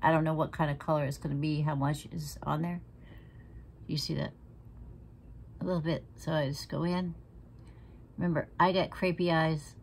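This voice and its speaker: Long pauses and vocal fry mark the low, level voice of a woman in her 60s chatting through a casual makeup tutorial at normal speed. She's in her living room close to the camera, frank and feisty, sometimes lowering to a half-whisper, with slight background noise.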